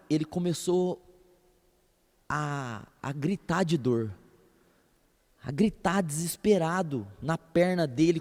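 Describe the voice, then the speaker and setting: A man preaching a sermon as a pastor, telling stories in an animated way and acting out voices. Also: fairly high pitch, big-room sound. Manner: animated storytelling, acts out voices and laughs.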